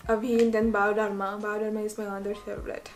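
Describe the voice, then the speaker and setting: A woman's voice: mid-range voice, level tone, brisk, soft background music. A young woman with an Indian English accent, chatting casually to camera as a skincare vlogger and laughing between points.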